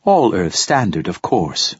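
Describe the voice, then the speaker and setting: A man voicing a calm, polite female android servant who speaks in a patient, precise way. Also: sits low, a little slow, slightly rough, dry recording, dull audio, heavily acted.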